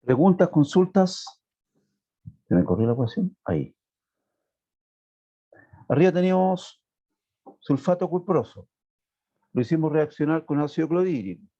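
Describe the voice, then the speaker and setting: A man's voice: fairly high pitch, big pitch swings, a little slow, pauses often, warm tone. A man teaching a chemistry class online, explaining step by step and checking in with his students. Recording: tinny phone-like line.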